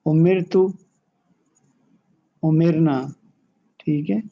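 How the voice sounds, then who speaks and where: A man teaching an online grammar lesson. He recites verb forms slowly and mixes English terms into his explanations. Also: on the high side, fairly even intonation, dull audio. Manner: slow, drawn-out recitation of verb forms between quick explanations; mixes in English terms and checks in with "theek hai".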